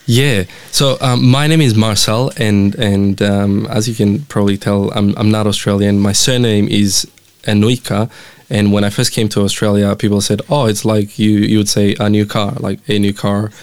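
Romanian-accented man, low smooth voice. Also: flat delivery, moderate pace. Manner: friendly, hesitant with many fillers and restarts. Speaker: mission representative, guest. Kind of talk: casual interview chat.

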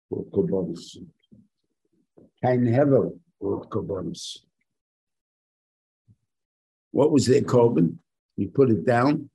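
A man's voice: medium pitch, vocal fry, mellow, slightly rough, poor audio. A man gives an informal religious lecture as a rabbi, using rhetorical questions and short, emphatic repetitions. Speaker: rabbi giving a Torah lesson.

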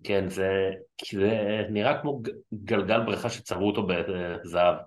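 A man with a fairly low voice, co-hosting a wrestling chat show. He speaks in a measured, candid way. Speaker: wrestling podcast co-host. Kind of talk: casual chat.

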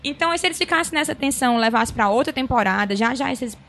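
Brief: quick, animated woman, slightly high voice. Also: slight background noise. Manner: animated, fast-talking, opinionated. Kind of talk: casual chat.

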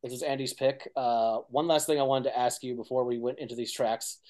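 A man hosting a music podcast, talking in a relaxed, conversational way and laughing often. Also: mid-range voice, brisk. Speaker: podcast host. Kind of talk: casual chat.

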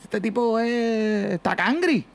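A man hosting a casual sports podcast from home, energetic and teasing as he rattles off stats. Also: sits high, slow. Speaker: podcast host. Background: music bed.

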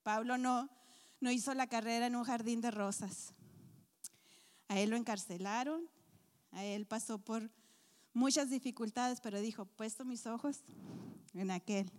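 High-voiced woman telling comic stories. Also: measured pace, pauses often, big-room sound. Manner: animated, acts out voices and groans. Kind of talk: comic storytelling to a church women's audience.

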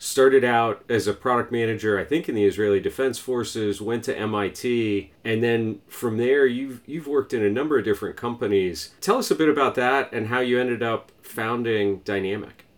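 A man hosting a podcast, reading a scripted intro and then asking his guest questions in a measured, curious way. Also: medium pitch. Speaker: podcast host.

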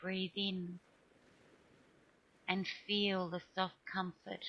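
A woman narrating a guided relaxation meditation in a soothing way, with short phrases and long pauses. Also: mid-range voice, flat delivery, muffled recording. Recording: music behind the voice. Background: music.

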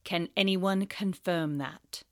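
A woman reading aloud and voicing a cold, sneering male professor, speaking slowly and menacingly. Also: lowish voice.

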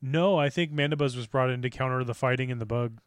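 Male co-host, casual gaming talk, upbeat, smooth tone, dry close mic. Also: medium pitch, quick pace, no room sound. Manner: upbeat, explains game strategy, laughs often. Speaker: podcast co-host.

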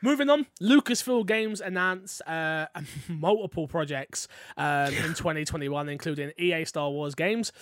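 Dry-sounding male podcast host, slightly high voice. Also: a little slow, few pauses, a bit bright, no room sound. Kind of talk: casual podcast discussion of gaming news.

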